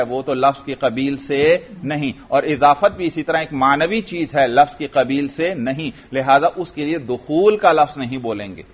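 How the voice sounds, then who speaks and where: A man with a high voice teaches a grammar lesson, putting questions to the class and answering them himself. He goes back over each point patiently. The recording is dull and lo-fi. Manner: repeats points for students. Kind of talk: Arabic grammar lesson in Urdu.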